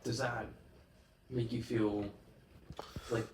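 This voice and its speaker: A man's voice: on the low side, flat delivery, slow pace, reverberant, far from the mic, poor audio. A man interviewing a guest with brief, plain questions.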